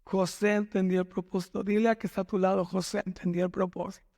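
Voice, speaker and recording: High-voiced pastor in a reverberant church. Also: male voice, level tone, vocal fry, darkish tone. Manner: dramatic, acts out the characters' words, slow emphatic delivery. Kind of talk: Father's Day sermon, retelling Bible story. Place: church hall.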